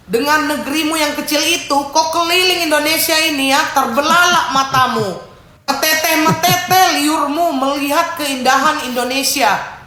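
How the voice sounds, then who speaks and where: A woman's voice: high voice, pushed and bright. A woman giving a scolding video commentary, sarcastic and lecturing, firing off rhetorical questions. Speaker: TikTok commentator. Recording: echoey room.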